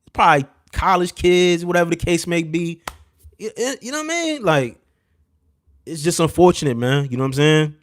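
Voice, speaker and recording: A livestream host in his thirties or forties tells stories to his live chat at a moderate pace, animated and streetwise, sprinkling in "you know what I'm saying" asides. When he retells tense moments, his voice drops low and hushed.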